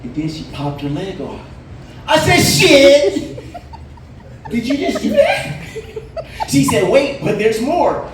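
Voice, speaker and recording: His voice is very high and swoops wildly in pitch as he takes things slowly, pausing often. The late-forties comic tells laid-back stories with punchlines on a bar stage, recorded far off in a roomy, noisy bar.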